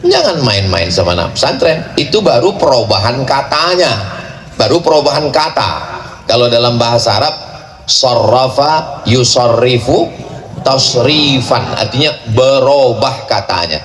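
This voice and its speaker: A man preaching to a large gathering, playful and joking, rattling off rapid chanted recitation. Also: mid-range voice, expressive, fairly bright tone. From Indonesia. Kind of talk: sermon at a large religious gathering. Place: large outdoor or hall gathering at a boarding school. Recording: echoey venue with faint ambient noise.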